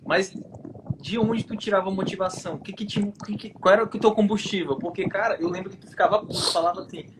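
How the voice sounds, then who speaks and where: Quick Brazilian host on a noisy stream. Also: male voice, high voice, steady tone. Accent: Brazilian Portuguese. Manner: informal, probing questions. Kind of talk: casual live interview.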